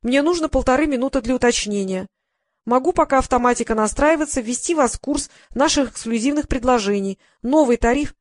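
A woman voicing a fake phone company clerk in an audiobook, with a squeaky, nasal, prim customer-service manner. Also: fairly quick, no echo, clean studio sound, natural voice. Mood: officious. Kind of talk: audiobook character voice.

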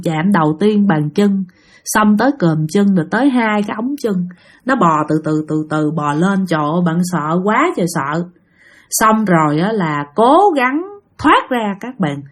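A woman's voice: medium pitch, lively intonation, moderate pace. Chatty Southern Vietnamese woman telling stories. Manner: chatty, often addresses listeners directly. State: has a cough. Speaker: ghost story channel host. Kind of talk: casual spoken storytelling.

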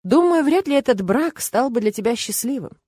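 A woman voicing a confident, teasing young male emperor in an audiobook, with a lively, raised delivery and a wry edge. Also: high voice, normal speed, breathy edge, no room sound, pitched above the performer's own voice. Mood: assured, teasing.

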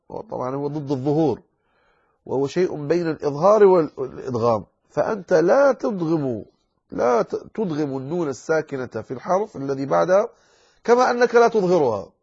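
A man teaching a lesson on Quran recitation rules. He explains calmly, then stretches out words slowly to demonstrate. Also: fairly high pitch, husky, highs cut off. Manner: calm explanation, then slow drawn-out demonstrations. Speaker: tajweed teacher.

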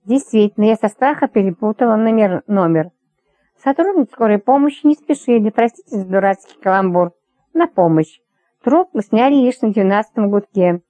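A woman reads a first-person story with wry, brisk storytelling. Her voice is mellow and warm-toned, and the recording is dry and close with no room sound. She keeps an even, middle pitch. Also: dry recording, muffled recording. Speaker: audiobook narrator. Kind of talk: scripted first-person narration.

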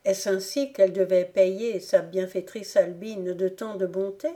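A woman reading a classic novel aloud as an audiobook narrator, in a slow, deliberate manner. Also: medium pitch, steady tone, mellow. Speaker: audiobook reader. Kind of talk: scripted narration.

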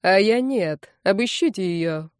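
A woman's voice: medium pitch, moderate pace, mellow, dry recording, clean studio sound, close to an everyday voice. Give me a cold, clipped, stern man, as a woman narrator reads him. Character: cold, stern male security chief.

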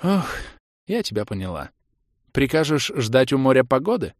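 A man's voice: medium pitch, big pitch swings, normal speed, dry recording, close to an everyday voice. A man voicing a proud young baroness who talks in a sarcastic, grumbling way, in a dry, close recording. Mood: grudging. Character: sharp-tongued proud young woman, a baroness.

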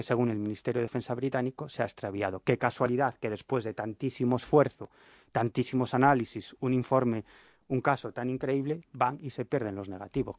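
A man's voice: mid-range voice, no echo, muffled recording. Ironic man telling a story. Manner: lively storyteller, ironic asides, rhetorical questions. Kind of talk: radio chat, storytelling.

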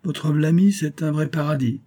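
A man reading the part of a boastful, chatty customs captain in his mid-thirties, full of flattery. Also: fairly high pitch, moderate pace, voice pushed up. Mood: gallant. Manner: swaggering, flattering.

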